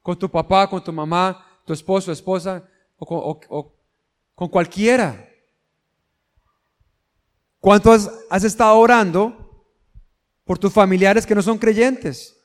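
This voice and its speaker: A man's voice: high-pitched, a little slow, big-room sound. A man preaching a sermon, speaking earnestly, questioning his listeners directly and building to emphatic peaks.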